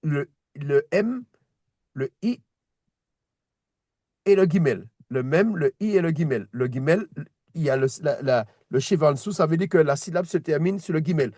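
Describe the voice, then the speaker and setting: Male teacher, patient one-on-one explainer, fairly high voice, dry room. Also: animated, normal speed, mellow, no room sound. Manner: patient, repeats words, many restarts. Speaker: Hebrew teacher. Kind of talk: one-on-one reading lesson.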